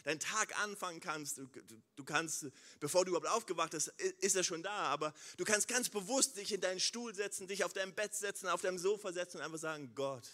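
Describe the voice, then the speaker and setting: A man delivers a sermon with a high, bright voice. He asks his congregation direct questions and moves between hushed, prayer-like moments and loud exclamations. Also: fast talker, few pauses. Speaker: preacher.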